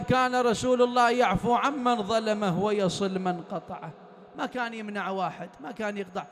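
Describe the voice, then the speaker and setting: A man's voice: extremely high pitch, fairly bright tone. A man with an Iraqi accent preaching at a mourning gathering, telling stories and asking the listeners rhetorical questions. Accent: Iraqi Arabic. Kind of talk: sermon. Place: mourning gathering in a private home. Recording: long hall-like reverb.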